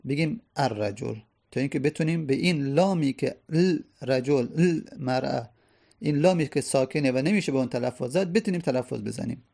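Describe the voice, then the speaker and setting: Gravelly man teaching a grammar lesson. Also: mid-range voice, mellow. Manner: explains step by step, repeats terms, asks and answers his own questions.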